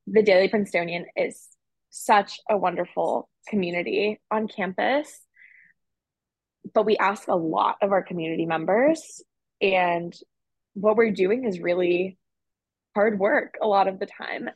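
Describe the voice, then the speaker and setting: A woman's voice: mid-range voice, no echo, highs cut off. A young woman who is a student managing editor, speaking earnestly with small fillers. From Washington, D.C. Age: young adult. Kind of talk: casual interview answers.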